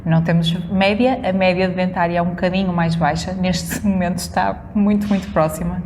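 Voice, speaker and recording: Speaking briskly in a low, darkish and steady voice, this guest dentist is a woman in her thirties from Valongo with a northern Portuguese accent. The conversation is casual, and she laughs a lot. Long reverb and faint noise colour the recording.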